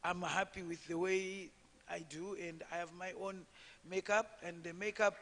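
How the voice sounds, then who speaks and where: A woman from Zimbabwe with a low voice that callers take for a man's, speaking as a politician on a panel. She talks in a measured way, pausing on fillers and restarting her sentences. A long reverb from the conference hall trails her voice. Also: fairly even intonation, a bit bright. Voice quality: low voice often taken for a man's. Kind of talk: personal account on a conference panel.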